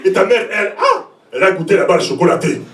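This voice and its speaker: A man's voice: high-pitched, wildly swooping pitch, fast, reverberant, distant mic, background noise. A man voicing a blunt, teasing father with a melodious, romantic voice and a light Congolese accent. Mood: mocking. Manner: teasing, scolding.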